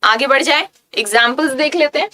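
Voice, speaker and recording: A woman's voice: high voice, brisk, pushed and bright. A woman teaching an exam-prep vocabulary lesson, repeating words and often checking that students follow. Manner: repetitive, checks understanding with "clear?".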